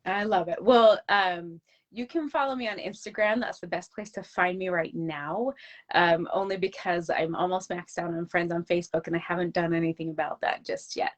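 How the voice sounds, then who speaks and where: A woman's voice: on the low side, steady tone, moderate pace. A woman in her forties, a guest in an interview, talking in an earnest, heartfelt way. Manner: earnest, heartfelt, talks about faith. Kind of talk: casual interview chat.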